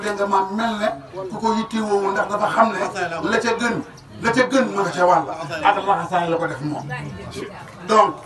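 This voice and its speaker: A man delivers an emphatic religious address, his voice pitched high. He sounds distant from the mic, and the sound rings through an echoey space. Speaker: religious speaker. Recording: echoey, from far off.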